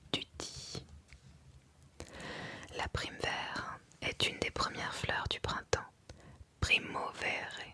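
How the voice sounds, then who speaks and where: Very slow, bright whispered ASMR reading. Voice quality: breathy, unvoiced whisper. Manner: slow, careful reading with deliberate pauses. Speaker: ASMR reader.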